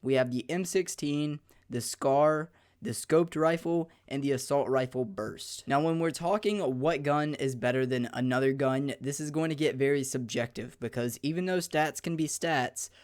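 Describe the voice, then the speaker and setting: A slightly hoarse young man who hosts a gaming channel walks through a beginner's game guide, upbeat and chatty with lots of fillers. His pitch is medium and his pace moderate, in a casual gaming-guide style.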